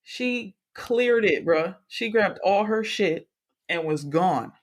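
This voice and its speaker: A man's voice: sits high, takes it slowly. Profane storytelling man, laughing often. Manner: animated, profane, laughs through his stories. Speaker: podcast co-host. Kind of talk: casual chat, storytelling.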